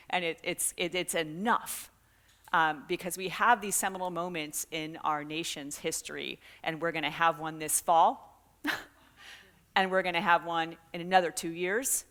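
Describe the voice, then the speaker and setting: A woman's voice: low voice, fairly bright tone. A middle-aged woman, a climate scientist, answering a forum question in an earnest, reflective way with frequent restarts. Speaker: climate scientist guest speaker.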